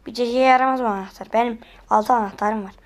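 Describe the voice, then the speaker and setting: A woman giving excitable let's-play commentary, often pleading and exclaiming while she plays. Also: a little high, fast talker. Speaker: gamer.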